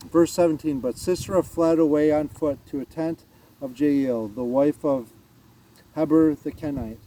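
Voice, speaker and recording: A man hosting a vlog, reading a Bible passage aloud and chatting about it in a halting way with many fillers. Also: fairly high pitch, warm tone, a little hiss or hum, poor audio. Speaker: vlog host. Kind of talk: casual Bible reading and chat.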